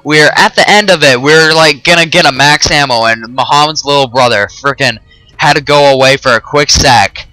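A man's voice: fairly high pitch, normal speed, sharp tone, no room sound, faint music behind, poor audio. A man hosting a let's-play video, with rambling casual commentary full of fillers and swearing. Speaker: host of a gaming channel.

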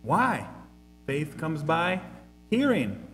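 A man preaching a sermon in a church with earnest, dynamic delivery, moving from raised exclamations to hushed prayer. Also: fairly high pitch, sing-song, drawn-out words, in a large hall, faint music behind, poor audio. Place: church sanctuary.

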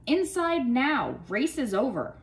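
A woman's voice: fairly high pitch, lively intonation, normal speed, mellow, echoey room. A woman doing a stern recess teacher. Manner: stern, commanding. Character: strict woman schoolteacher on recess duty.

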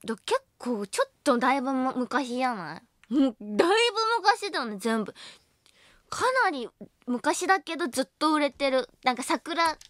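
A woman's voice: high voice, lively intonation, normal speed, a bit bright, no echo, clean studio sound. A young woman hosting a late-night radio show, chatting casually and playfully, giggling often and teasing herself. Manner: acts out both sides of a mock argument. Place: radio studio. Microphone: studio microphone.

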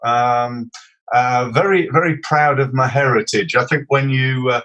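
A middle-aged man from Sheffield, England, with a Yorkshire accent tells his life story as a podcast guest in casual interview storytelling. He speaks hesitantly with many fillers and restarts, his mid-range voice unhurried and fairly bright, on lo-fi sound.

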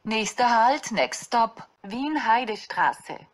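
A woman announces each next stop on board a train. She speaks slowly and formally. Her voice sits slightly high. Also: animated, a little hiss or hum. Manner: formal, crisp station-name announcing.

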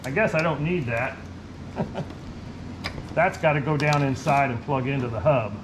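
Chatty middle-aged hobbyist in a noisy garage. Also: male voice, mid-range voice, a little slow. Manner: chatty, wry, chuckling asides. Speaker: model railroad hobbyist, co-host. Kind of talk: casual chat while unboxing. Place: garage workshop and train room, indoors. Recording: noisy home video audio.

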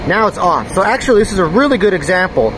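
A man's voice: sits high, big pitch swings, fast. A man filming one-handed on a phone as he walks through a server room, explaining hardware problems while he checks the machines. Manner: talks while filming and handling hardware, thinking aloud. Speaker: mining farm operator. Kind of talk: casual hands-on walkthrough. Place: large indoor server room with fans. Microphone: handheld phone camera, filmed one-handed. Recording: loud fan and air conditioning hum.

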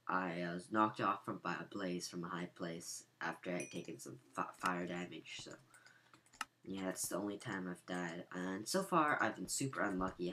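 A man with a raspy just-woke-up voice, thinking aloud as he walks through his game build. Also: low-pitched. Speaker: gaming channel host. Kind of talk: gameplay walkthrough commentary. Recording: home mic with steady noise and clicks.

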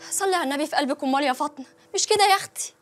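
A woman's voice: high-pitched, racing, soft background music, close to an everyday voice. An actress playing a village neighbor woman who soothes and coaxes her friend, in an Egyptian accent. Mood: soothing. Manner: soothing, coaxing. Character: consoling village neighbor woman giving advice.

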